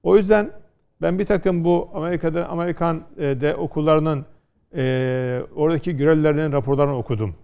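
A middle-aged man from Konya speaks as a law scholar on a panel. His voice sits a bit high but sounds dark and gravelly. He lectures and tells anecdotes, with rhetorical questions. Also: steady tone, a little fast. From Turkey, Konya. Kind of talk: studio panel discussion.

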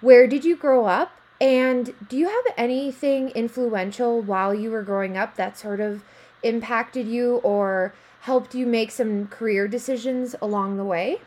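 Slightly high-voiced woman podcast host. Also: a little slow, a little mellow. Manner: friendly, encouraging interviewer. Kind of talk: podcast interview.

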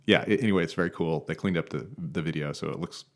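A man's voice: very deep voice, fast. A middle-aged man from Oregon, an author, co-hosting a podcast in casual chat, easygoing and self-deprecating.

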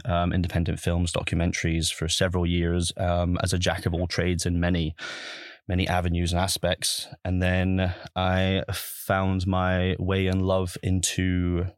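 A man in his thirties speaks with a Highland Scottish accent in a low voice. He tells his story conversationally, with wry, playful turns of phrase, in a very dry recording. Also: completely flat delivery, unhurried, dry recording. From Highlands of Scotland. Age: 30s. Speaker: producer at an animation studio, guest.

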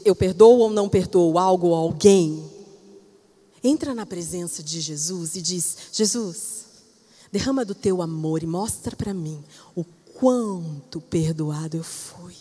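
A woman pastor with a Brazilian Portuguese accent preaching a sermon expressively, moving between loud emphasis and soft, hushed passages. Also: fairly low pitch. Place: church. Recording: reverberant church hall.

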